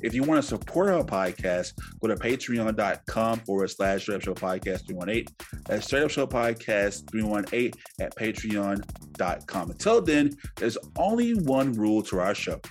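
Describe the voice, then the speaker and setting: Low-voiced casual male podcast host. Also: sing-song, moderate pace, soft background music. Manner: loose and chatty, many fillers and restarts; upbeat sign-off plugs.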